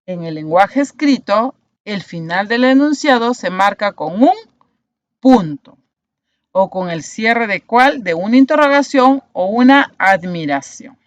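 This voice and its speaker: A woman's voice: medium pitch, animated, measured pace, dry recording. A woman teaching a grammar class, explaining step by step and checking understanding with frequent tag questions, on a dull, dry lo-fi recording.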